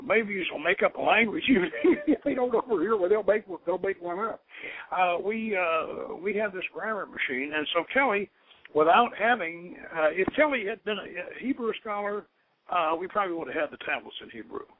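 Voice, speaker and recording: Through a tinny, phone-like connection, a high-voiced, animated man hosts an occult radio show. His explanations are informal, halting and rambling, delivered like a scholarly storyteller.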